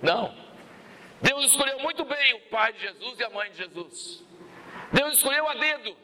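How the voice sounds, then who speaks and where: A male pastor with a Brazilian Portuguese accent preaches a sermon. His voice sits high and has a sharp, very bright edge. He repeats key phrases and puts questions to the congregation. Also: expressive, moderate pace, slight background noise.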